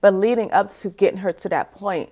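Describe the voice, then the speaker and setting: Speaking as an interview guest, this woman in her forties shares candid, reflective memories of her own life. Her medium-pitched voice is a little mellow and brisk, and her conversational delivery is peppered with "you know."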